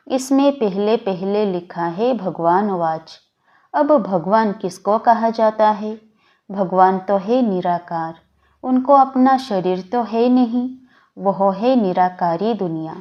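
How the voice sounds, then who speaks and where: A woman reading a spiritual discourse aloud in a slow, measured recitation, on a dull, lo-fi recording. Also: medium pitch. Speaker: reader of a daily spiritual discourse.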